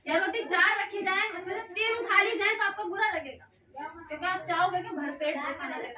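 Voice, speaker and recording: A woman preaching a sermon and telling a personal testimony, animated and acting out the dialogue. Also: very high-pitched. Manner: animated, storytelling, acts out dialogue. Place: church. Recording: echoey church room, mic far off, noisy.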